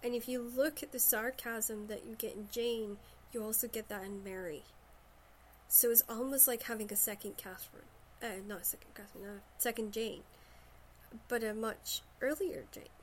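Woman, Shetland accent, slightly high pitch, casual book chat, faint noise behind. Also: fairly even intonation, moderate pace. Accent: Shetland Scottish. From Shetland, Scotland. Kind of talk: casual chat about books.

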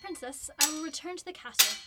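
A woman's voice: sits high, lively intonation, fast, very noisy. A woman voicing a fussy, prim nurse to a princess in a student radio drama. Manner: prim, scandalized.

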